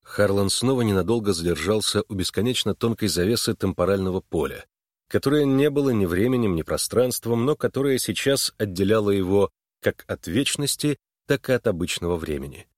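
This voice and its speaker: A man narrating a novel in an even, steady audiobook reading. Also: on the low side, brisk, no echo, studio quality. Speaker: audiobook reader. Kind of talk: scripted narration.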